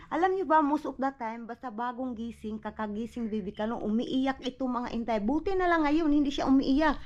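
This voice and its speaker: A woman's voice: sits high, a little fast, muffled recording. A woman from the Philippines, chatting casually in a home vlog as a mother, constantly addressing her viewers as "day" and "inday". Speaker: vlogger mother. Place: at home indoors.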